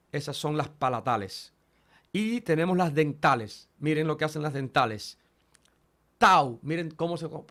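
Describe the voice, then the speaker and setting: A man teaching a Greek lesson, modeling each letter's sound aloud and speaking directly to his students. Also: a little high. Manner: addresses students directly, repeats key points. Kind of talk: online language lesson.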